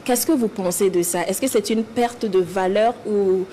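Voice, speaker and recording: A woman's voice: mid-range voice, moderate pace, warm tone. A woman presenting and interviewing as a talk show host, in rhetorical phrases with lists and repetition. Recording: clear background noise.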